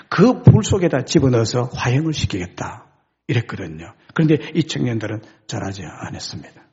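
Raspy, gravelly Korean-church pastor. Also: male voice, mid-range voice, muffled recording. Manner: animated, conversational retelling. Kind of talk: sermon storytelling.

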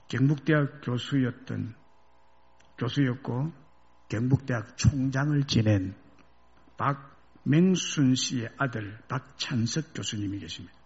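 거친 목소리의 남자 목사, 감정적인 설교, 먹먹한 저음질 녹음. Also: male voice, medium pitch, muffled recording. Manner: emotive, dramatic swings from loud to hushed. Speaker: pastor. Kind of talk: sermon storytelling.

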